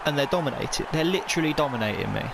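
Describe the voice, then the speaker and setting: A young man giving excitable play-by-play commentary on a football video game while he plays. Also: fairly high pitch, rapid-fire, creaky, noisy background. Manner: excitable, talks to himself while playing. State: out of breath. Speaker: gaming commentator.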